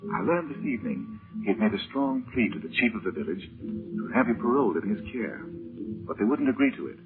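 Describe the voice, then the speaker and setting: An actor playing a composed, protective heroic magician, soothing and measured in 1930s radio serial style. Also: male voice, on the low side, big pitch swings. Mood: calm, reassuring. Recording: muffled 1930s radio recording with music.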